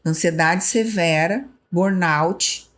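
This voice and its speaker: A woman, a former health official, telling animated stories in a podcast interview and acting out remembered conversations. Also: fairly low pitch, slow pace. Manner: animated storyteller who acts out remembered dialogue. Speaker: guest, former municipal health secretary.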